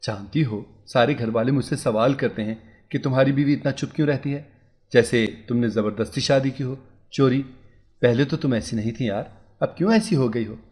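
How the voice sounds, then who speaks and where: Brief: anxious young husband, soft and coaxing, mid-pitched storybook voice, by the narrator. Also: male voice, normal speed, natural voice. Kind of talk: storybook character voice.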